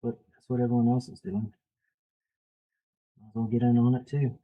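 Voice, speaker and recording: A man's voice: mid-range voice, little pitch movement, normal speed, narrow, tinny audio. A man tattooing while he talks, mumbling casually with wry, sarcastic asides. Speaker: tattoo artist. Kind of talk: casual talk while working. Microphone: stand mic set for standing.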